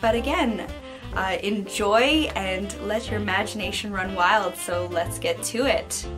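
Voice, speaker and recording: A woman in her thirties hosts a craft tutorial in a chatty, informal way. Her voice sits at an average pitch for a woman, and music plays behind her as she explains. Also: unhurried, fairly bright tone. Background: background music.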